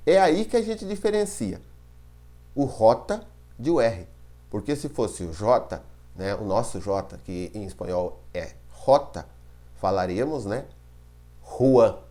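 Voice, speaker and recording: A man with a Brazilian Portuguese accent gives a recorded distance-learning lesson in a somewhat low voice. He talks patiently and repeats each example word slowly so students hear the sound. He keeps checking in with his students as he goes. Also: sing-song, mellow. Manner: patient, repeats words slowly to show pronunciation. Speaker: Spanish teacher.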